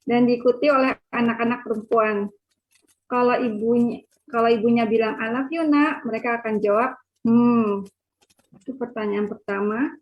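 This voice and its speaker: A woman reading out questions from listeners in a plain, matter-of-fact way. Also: fairly high pitch. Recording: dull lo-fi recording.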